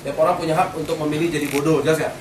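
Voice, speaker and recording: A man gives a motivational business seminar in a casual, colloquial style, constantly quizzing the audience with rhetorical questions. His voice is fairly high with fairly even intonation, and he speaks rapid-fire. The recording comes from a distant mic in a roomy hall, with background noise.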